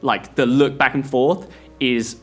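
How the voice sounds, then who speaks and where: A man's voice: medium pitch, steady tone, measured pace. A man narrating a tabletop role-playing game as game director, describing scenes in a rambling, amused way.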